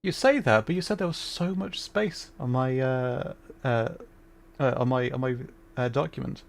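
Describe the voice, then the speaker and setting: A man's voice: medium pitch, moderate pace, gravelly. A man with an English accent between Derbyshire and received pronunciation, rambling through casual gaming commentary with frequent fillers and laughs. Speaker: streamer.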